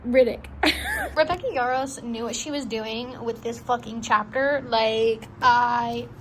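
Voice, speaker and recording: High-voiced, dramatic woman book vlogger. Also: steady tone, a little slow, a bit bright, a little hiss or hum. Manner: dramatic, gasping, swearing reactions. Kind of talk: reading vlog reactions. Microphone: wireless earbuds.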